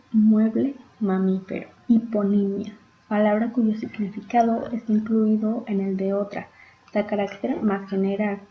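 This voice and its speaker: A woman reading class notes aloud as a student presenter, going through definitions and example words one by one. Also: mid-range voice. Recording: dull echoey room recording.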